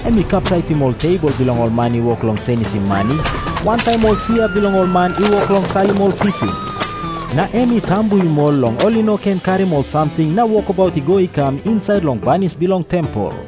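Papua new guinean guy narrating a bible story, highish voice, swoops around a lot. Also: expressive, fairly quick, loud music behind the voice. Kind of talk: scripted scripture narration, storytelling.

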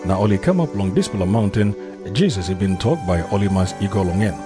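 Deep-voiced man narrating in Papua New Guinea pidgin. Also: fast talker. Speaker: scripture narrator. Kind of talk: dramatized Bible reading, scripted narration. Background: music behind the voice.

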